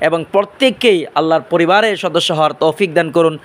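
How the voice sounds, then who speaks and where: A man teaching Arabic pronunciation, drawing out each letter sound slowly and explaining where the tongue and teeth go. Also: a little high, a bit bright. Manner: slow, drawn-out drill of letter sounds; explains mouth positions step by step. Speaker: Quran recitation teacher.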